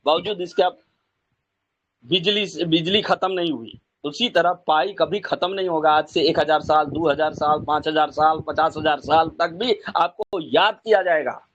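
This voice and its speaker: A man delivering a fervent, emotional address to his followers, repeating his points and swinging from loud emphatic bursts to slow drawn-out lines. His voice sits a little high for a man. The recording is dull and lo-fi. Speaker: speaker addressing Pi pioneers.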